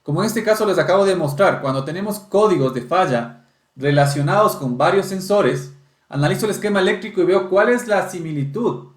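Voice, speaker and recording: A man's voice: high voice, animated, brisk, echoey room. A man teaching automotive electronic diagnostics, explaining step by step and checking in with the class. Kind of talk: technical lesson walkthrough.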